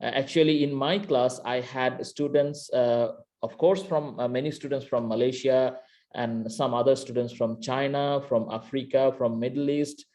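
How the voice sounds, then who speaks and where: A university lecturer from Bangladesh speaks at normal speed with a medium-pitched, darkish voice and fairly even intonation. Teaching online via a video-call computer mic, he talks hesitantly, restarting often and using many fillers in his Bangladeshi accent.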